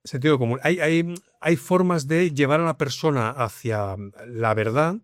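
A man's voice: on the high side, moderate pace, no echo, studio quality. Man explaining on a podcast. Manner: explanatory, lively, leans on repetition. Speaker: guest, communication coach. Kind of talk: conversational interview.

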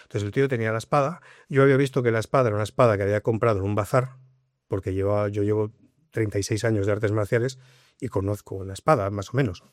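A man's voice: fairly low pitch, fast talker, no echo, clean studio sound. Middle-aged man telling a police story. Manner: animated, acts out dialogue in his tale. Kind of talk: conversational storytelling.

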